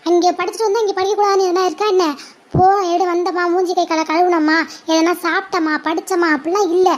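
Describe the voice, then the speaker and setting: Woman doing a scolding mother, exasperated, high voice. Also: level tone, fast talker. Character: scolding harried village mother.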